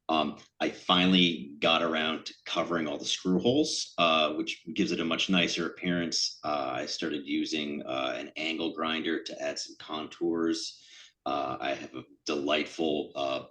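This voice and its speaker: A man's voice: a bass voice, a bit bright. A middle-aged man with a New England accent, presenting his sculptures in a casual, rambling talk with a lot of fillers and self-deprecating asides. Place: event room.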